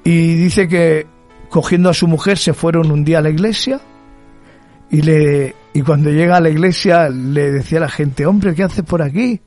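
A man's voice: on the high side, steady tone, normal speed, a little mellow, faint music behind. A man from Spain, preaching a sermon. He tells a story and then builds to fervent, emphatic repetition.

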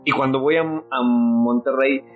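A man's voice: mid-range voice, fairly even intonation, unhurried, faint music behind. A man with a San Luis Potosí Mexican accent, a dentist guest telling anecdotes in a casual chat. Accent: San Luis Potosí Mexican Spanish. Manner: tells long anecdotes.

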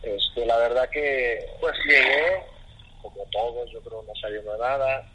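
A middle-aged man, telling his story as an interview guest in an animated, casual way. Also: mid-range voice, a little slow, a little hiss or hum, low-quality recording. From Mexico. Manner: animated, acts out dialogue, many fillers. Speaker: interview guest, goalkeeper coach.

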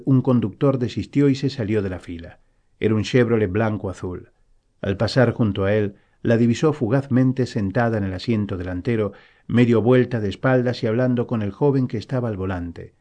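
A man reading a novel aloud as an audiobook narrator, in a calm, even storytelling manner. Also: on the low side.

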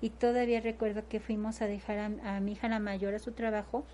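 A woman's voice: medium pitch, little pitch movement, fairly quick, dark tone, slight background noise. A middle-aged woman, a mother recounting events at length in an interview, stringing her story together with repeated phrases. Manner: retells events in long chains, often repeating "agarré y". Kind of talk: personal testimony in conversation.

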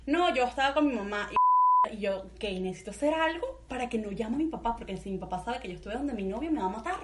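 Woman podcaster, high voice, heavy background noise, animated storyteller. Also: fast. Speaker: podcast co-host. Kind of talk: casual storytelling chat.

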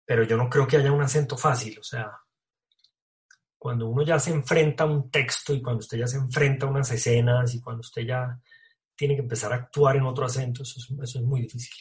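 A man's voice: mid-range voice, fairly even intonation, a little fast. A man from Colombia, an actor talking casually in an interview, full of slang, fillers and restarts.

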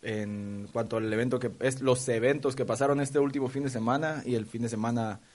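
Man, co-host, laid-back, joking, mid-pitched voice. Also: fairly even intonation, a little fast, a little mellow. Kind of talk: casual sports talk show.

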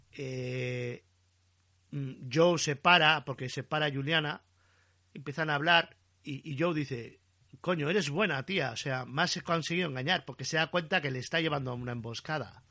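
A man, co-hosting a casual chat and retelling a story with animated storytelling. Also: medium pitch, creaky. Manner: animated storytelling, acting out quotes.

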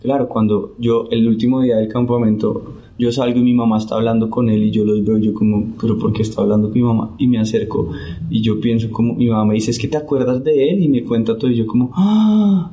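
A man's voice: mid-range voice, fast, lo-fi sound. A man from Santander, Colombia, earnestly telling his story of faith in casual conversation. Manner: earnest, animated retelling with acted-out quotes. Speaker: guest sharing testimony.

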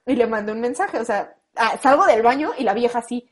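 A young woman with a Mexican accent, close to twenty, telling a story in casual chat, animated and full of slang, acting out what people said. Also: fairly high pitch, a little fast. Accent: Mexican Spanish. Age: late teens. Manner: animated, slangy, acts out quoted lines. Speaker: guest.

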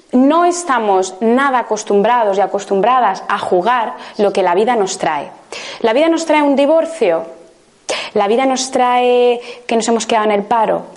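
A woman from Spain with a Spain Spanish accent, leading a live laughter workshop, coaxing the group with questions and bursts of laughter. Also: a little high. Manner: bursts into laughter exercises, loud "ja" calls.

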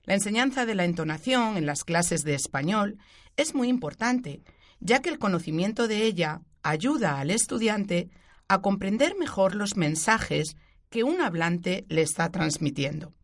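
A woman teacher, explaining a grammar point clearly and giving spoken examples on a radio show. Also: medium pitch, expressive, measured pace. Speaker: Spanish language teacher.

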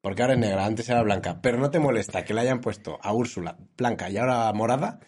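A man's voice: medium pitch, fast talker, darkish tone, husky. A man from Spain, joking and giving opinions in a casual chat.

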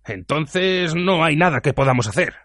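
A man doing a hushed, fearful barman. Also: a little high, animated, slight background noise, voice pushed up. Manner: hushed, slow murmur.

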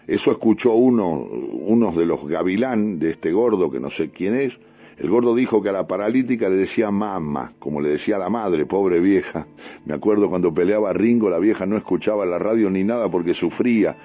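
A man with a Rioplatense accent, a radio host, reading a first-person story in an unhurried way with street slang. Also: sits low, expressive, mellow. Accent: Rioplatense Spanish. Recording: dull radio broadcast, faint music.

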